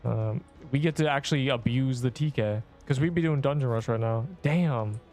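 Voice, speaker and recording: A young man streaming a game, chatting along in a casual, excitable way with gamer slang. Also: medium pitch, moderate pace, faint music behind. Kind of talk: casual livestream commentary.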